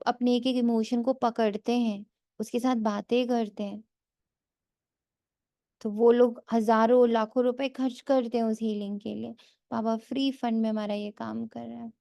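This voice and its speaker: A woman giving a slow, earnest spiritual talk, mixing English phrases into Hindi. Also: fairly high pitch, warm tone, no echo, studio quality. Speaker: spiritual speaker.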